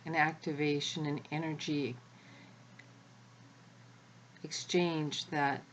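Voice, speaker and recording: A woman leading a guided spiritual energy activation as the guide, speaking in a measured way with long pauses between short phrases. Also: low voice, little pitch movement, slight background noise.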